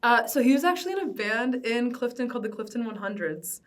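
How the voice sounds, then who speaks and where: Recorded from a distance, this young adult band singer from Cincinnati, United States, speaks fast in a sing-song voice on the high side. She's being interviewed for a casual oral history, keeping things loose and informal and dropping "like" into her sentences.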